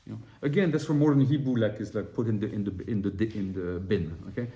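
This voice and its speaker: Leading an informal study group on a religious text, a Torah teacher with a voice on the low side often restarts and repeats words as he explains. He grows more animated once he gets into working through a passage.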